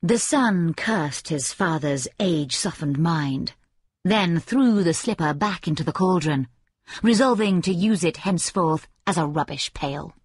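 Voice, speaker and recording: A woman narrating a storybook tale in a slow, measured, expressive way. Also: on the low side, breathy edge, no echo.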